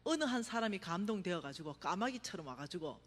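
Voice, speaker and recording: A middle-aged woman giving a testimony sermon at a revival meeting, telling her story with vivid acted-out cries and sudden hushed asides. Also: lowish voice, a little fast. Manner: animated storytelling, acts out her own cries, drops to a hush for emphasis. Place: church sanctuary. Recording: reverberant church hall.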